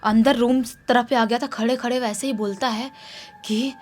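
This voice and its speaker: A woman telling a horror story casually, dramatic, dropping to hushed tones and rising again. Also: a little high, fairly even intonation, moderate pace. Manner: dramatic, shifting between loud and hushed.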